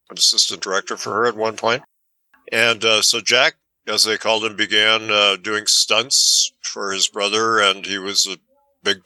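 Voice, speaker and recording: A man's voice: on the low side, sharp tone, no room sound. A man being interviewed as a guest expert, talking conversationally through a poor microphone that sounds tinny, like a tin can. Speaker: interview guest, author and film professor. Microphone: poor makeshift microphone.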